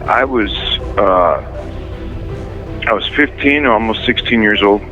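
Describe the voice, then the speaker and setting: A man in his fifties speaking haltingly with many pauses, calling in over a prison phone line. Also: on the low side, faint music behind. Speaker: inmate guest calling in.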